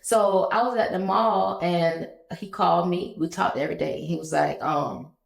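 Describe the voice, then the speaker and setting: A woman in her thirties, a business owner telling stories in a relaxed, conversational interview chat. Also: fairly low pitch, moderate pace, creaky. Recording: echoey room.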